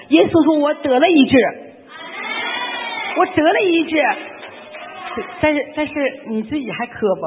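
A man giving a fervent, animated church testimony. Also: high voice, breathy edge. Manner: fervent, animated, with emphatic outbursts. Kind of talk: emotional testimony. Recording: echoey hall, tinny phone-like sound.

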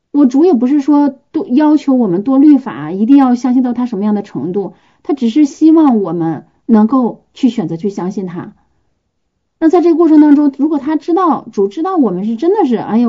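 A woman delivers a chatty sermon, lively and conversational, acting out prayers and little scenes as she goes. Her voice is very dark and mellow. The recording is dull and lo-fi. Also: a little high. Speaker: preacher. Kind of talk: informal sermon.

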